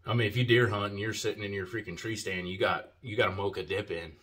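Speaking fast with fairly even intonation, a man's fairly low, fairly bright voice runs through a casual video product review. He's relaxed, slangy and profane, with a lip full of dip.

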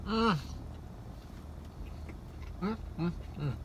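Man, mouth full and chewing, bright voice, faint car noise. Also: high voice, extremely slow. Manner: chatty, drawling asides to viewers. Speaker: food vlogger. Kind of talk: casual mukbang chat. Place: inside a parked car.

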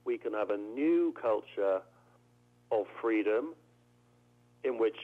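A man's voice: on the low side, lively intonation, slow pace. A British man, a theologian, answering interview questions thoughtfully, often repeating words as he searches for phrasing. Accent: British English. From England. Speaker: theologian guest. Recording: narrow phone-like audio.

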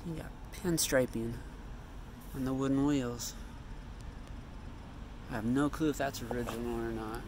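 In a noisy outdoor parking lot, a man talks casually about what's around him while recording on a handheld phone. His medium-pitched vlogger voice is fairly even and a little slow, with long pauses as he thinks aloud and corrects himself.

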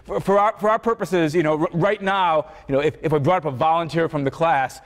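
A male philosophy lecturer with a fairly high voice talks to his class in a loose, conversational way. He restarts his phrases often and throws himself into the voices of the people he quotes. His voice rings with the long reverb of a large lecture hall. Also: steady tone, brisk. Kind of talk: university lecture.

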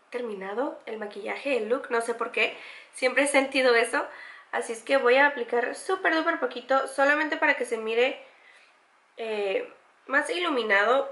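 A woman's voice: on the high side, pushed and bright, reverberant. A pregnant young woman walks through a makeup tutorial, chatty and enthusiastic, repeating words for emphasis. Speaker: beauty vlogger.

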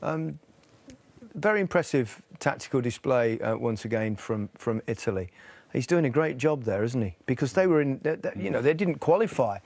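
An older man hosting a football studio show, chatty and relaxed, prompting guests with tag questions. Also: medium pitch, moderate pace, dry recording. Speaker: host.

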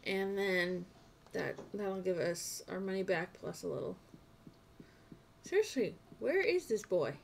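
Slow-talking woman streaming a game. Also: medium pitch, animated, vocal fry, slight background noise. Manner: rambling, talks to herself while playing. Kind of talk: casual live gameplay chat.

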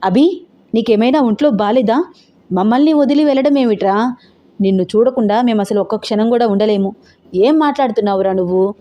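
A woman's voice: a little high, fairly quick, highs cut off, close to an everyday voice. A woman voicing a caring father who soothes his crying daughter in a tender manner.

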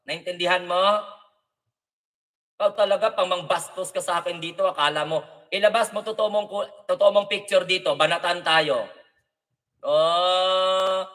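Sharp-voiced man ranting sarcastically. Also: high voice, recorded from a distance. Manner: mocking, insulting, sarcastic. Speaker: political commentary vlogger. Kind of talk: angry ranting reaction monologue.

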